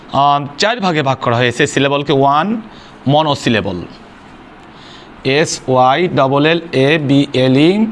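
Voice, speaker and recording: A man with a bright, rather high voice gives a spoken English grammar lesson in a somewhat raised tone, asking questions and answering them himself. He spells words out letter by letter and mixes English phrases into his explanations, with faint noise beneath the recording.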